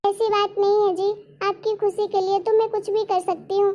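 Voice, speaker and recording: A woman's voice: very high-pitched, level tone, normal speed, a little mellow. A woman voicing an earnest young daughter-in-law in a cartoon story, pleading and hurt. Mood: resigned.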